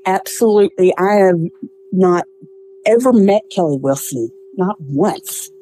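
A woman's voice: mid-range voice, expressive, unhurried, warm tone, a little hiss or hum, rough recording. A middle-aged woman recounting a personal ordeal in an interview, emotional, with nervous laughs, acting out the people she quotes. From East Texas. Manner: emotional, laughs nervously, acts out quoted voices, voice climbs when indignant. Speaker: interviewee, accused mother.

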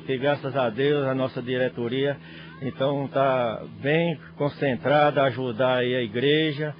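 A man, speaking colloquially and restarting phrases in an outdoor interview. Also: mid-range voice. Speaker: farm owner and riding club president. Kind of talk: informal interview. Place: outdoors beside a horse on a farm. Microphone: handheld reporter microphone. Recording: dull TV field audio.

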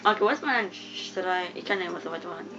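A young woman giving casual, excitable commentary while playing a game, mumbling one moment and yelping the next. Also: lowish voice, fast talker. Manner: excitable, giggly, swings from mumbling to loud yelps. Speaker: gamer. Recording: dull lo-fi home recording with faint noise.

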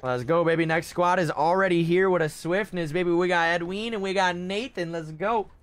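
A young man live-streaming game commentary and chat in a hyped, slangy gamer-bro manner, talking into a close boom mic. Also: a little fast, no room sound, faint music behind. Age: young adult. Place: small bedroom streaming setup, indoors. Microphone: boom-arm studio mic with headset. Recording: loud game noise behind the voice.

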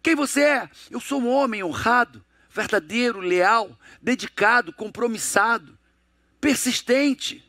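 Brazilian guy motivational coach, high bright voice, dry close sound, keeps asking the crowd questions. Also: unhurried, no echo. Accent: Brazilian Portuguese. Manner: emphatic, rhetorical questions to audience; acts out dialogues in a lowered, hushed voice. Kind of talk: motivational lecture.

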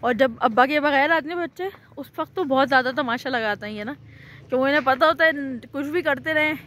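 A woman's voice: high-pitched, quick pace, a bit bright. A woman, chatting casually in a travel vlog as a mother out with her family, exclaiming at the views. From Pakistan. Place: outdoors on a cold hill station street.

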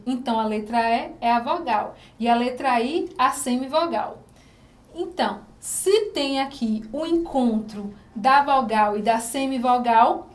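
A woman teacher with a Brazilian Portuguese accent and a slightly high voice gives a recorded lesson to children. She patiently repeats syllables and asks them questions.

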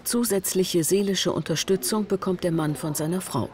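Measured documentary narrator, woman. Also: lowish voice, a little mellow. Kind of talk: scripted narration. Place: studio voice-over.

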